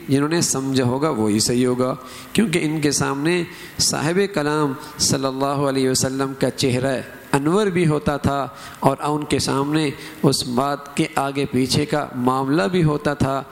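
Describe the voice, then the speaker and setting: A man's voice: medium pitch, fairly even intonation, gravelly. A middle-aged man preaching a sermon, emphatic, lifting his voice to act out quoted phrases and examples. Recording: hall with long reverb.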